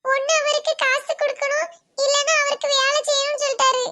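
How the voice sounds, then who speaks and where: A woman's voice: very high-pitched, little pitch movement, fast talker, pushed and bright, a little hiss or hum. A woman voicing a young cartoon girl stuck at a shop, who pleads and later turns cheeky and mocking. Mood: worried. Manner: pleading, then cocky and mocking.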